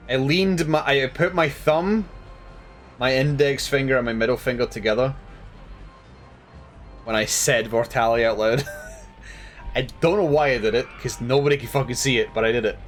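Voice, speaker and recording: A man's voice: medium pitch, a little slow, long pauses, faint music behind. A tired man chatting casually while streaming a game, rambling and laughing at himself. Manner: rambling, laughing, self-deprecating.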